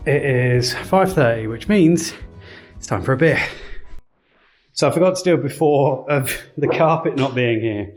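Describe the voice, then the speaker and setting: A man casually explaining his house renovation, thinking aloud with a rambling, unhurried manner. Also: mid-range voice, lively intonation, darkish tone, soft background music. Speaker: home renovation vlogger. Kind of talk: casual vlog commentary. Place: indoor house under renovation.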